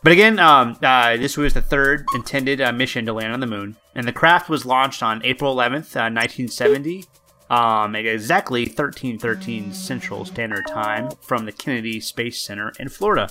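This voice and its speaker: A man's voice: mid-range voice, normal speed, music in the background. A man hosting a podcast in a casual storytelling style, hesitant and jokey, often correcting himself. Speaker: podcast host.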